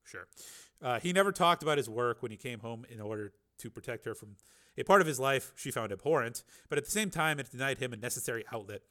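A man narrating a novel as an audiobook, steady storytelling with occasional small slips. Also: medium pitch, fast.

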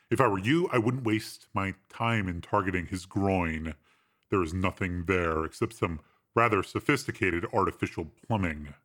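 A man reading a story aloud, voicing a formal, composed male bodyguard in a deep, measured voice. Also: fairly bright tone.

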